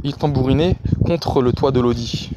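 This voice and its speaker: A man's voice: mid-range voice, normal speed, lo-fi sound, very noisy. A man reading novel excerpts aloud, dramatic, with occasional hesitations and restarts. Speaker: reader.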